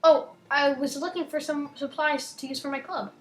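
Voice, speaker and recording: A woman voicing a cheerful, popular young schoolgirl who talks sweetly and brightly. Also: high-pitched, fairly even intonation, normal speed, roomy sound, faint music behind, pitched above the performer's own voice. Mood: sweet, surprised.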